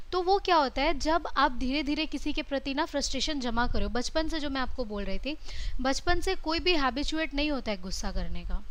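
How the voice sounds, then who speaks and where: An Indian woman teaching a class in a lively, chatty classroom lecture, switching freely between Hindi and English. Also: sits high.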